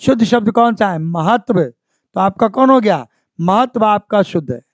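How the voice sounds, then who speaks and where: With a high, lively voice at normal speed, a man teaches Hindi grammar to an exam-prep class, echoing each word and repeatedly quizzing students. The audio is dry and dull lo-fi, without any room sound.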